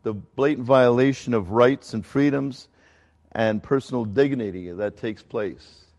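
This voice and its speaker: A middle-aged man from Ecuador preaches from the pulpit in a relaxed, conversational sermon. His delivery halts now and then with fillers and restarts. His mid-range voice rings out with a long reverb, as in a church sanctuary. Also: mid-range voice, a little slow. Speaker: pastor.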